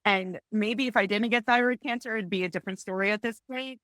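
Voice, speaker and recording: A woman in her forties sharing a personal story on a panel, tearful and halting, with frequent restarts and apologies. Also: medium pitch, fairly bright tone, no room sound, studio quality. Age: 40s. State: tearful, close to crying. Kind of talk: emotional personal testimony on a panel.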